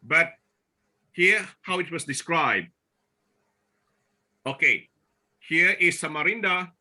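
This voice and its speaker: Over a video call, a man from Borneo presents slides as a forum speaker in an online talk, his voice very bright, forceful, animated and a touch higher than most men's. He speaks haltingly, often restarting and doubling back, filling gaps with hesitations and fillers.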